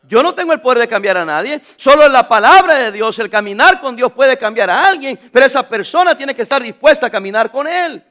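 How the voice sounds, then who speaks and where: A middle-aged man preaching a sermon, calling out to the congregation and reading scripture aloud with them. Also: very high voice. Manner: animated preaching, calls out to the congregation; reads scripture slowly with the congregation. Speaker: pastor.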